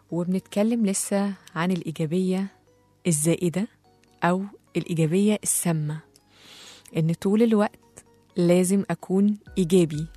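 A woman's voice: lowish voice, dark tone, no room sound. A woman with an Egyptian Arabic accent hosting a talk show monologue and acting out the voices of people who comfort others. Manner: acts out comforting voices in quotes. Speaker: host.

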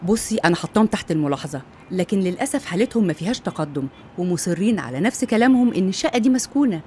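An actress playing a calm, concerned woman psychiatrist in a radio drama, matter-of-fact, with an Egyptian accent. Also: on the low side, rapid-fire, a little hiss or hum, lightly acted. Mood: professional, concerned.

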